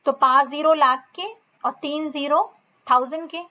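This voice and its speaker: A woman's voice: high voice, fairly even intonation, bright, forceful tone. A woman with an Indian accent teaching a maths lesson, reading textbook lines and explaining step by step. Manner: reads textbook lines slowly, explains in mixed Hindi and English.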